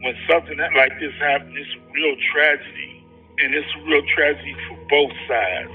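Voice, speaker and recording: A man on a jail payphone call, talking reflectively and haltingly as he searches for words. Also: on the high side, steady tone, soft background music. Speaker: jailed man awaiting trial, calling in. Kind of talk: reflective phone conversation. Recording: muffled jail phone line.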